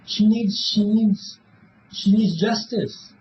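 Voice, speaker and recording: In a small police interview room, a man in his seventies gives casual, rambling answers during a polygraph interview, halting, repeating words and trailing off. He has a high-pitched voice; born in Belfast, Northern Ireland, he was raised in Illinois from age seven. The interrogation room recording is muffled and noisy.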